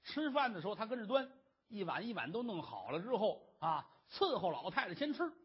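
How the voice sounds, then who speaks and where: Man storyteller, dramatic narration, lo-fi recording, husky. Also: high-pitched, big pitch swings, a little fast. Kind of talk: traditional storytelling performance. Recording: dull lo-fi recording.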